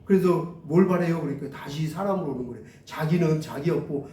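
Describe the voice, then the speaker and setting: A male pastor telling an animated story in a sermon, acting out the voices of the people he met. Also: on the high side, a little fast. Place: church hall. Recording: roomy echo, mic at a distance.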